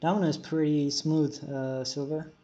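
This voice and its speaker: He speaks unhurriedly in a mellow voice on the high side, with fairly even intonation. Streaming a mobile game live, he chats casually with viewers, answers chat as he plays, uses lots of fillers, and gives tips between fights. The recording is dull and lo-fi.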